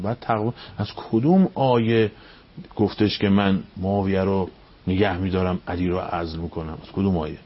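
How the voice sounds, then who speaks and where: A man, a cleric, giving a storytelling religious lecture. He fires off rhetorical questions, climbs high when stirred and sinks to near-whispers. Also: husky. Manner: impassioned, rising up high on questions, then dropping to near-whispers. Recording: dull radio broadcast sound.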